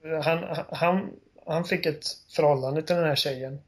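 A man with a slightly high, husky voice talks through a favorite game. He retells scenes eagerly and fills his sentences with hesitations. The tone is loose and conversational. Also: steady tone. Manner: enthusiastic, retells scenes with many fillers. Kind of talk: casual game discussion.

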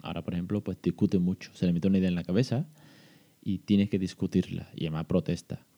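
A man hosts a parenting podcast, with a low and very dark voice. He talks in a chatty, patient way, full of fillers and restarts as he explains. The recording sounds dull and lo-fi. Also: fairly even intonation, fast. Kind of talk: casual reflective monologue.

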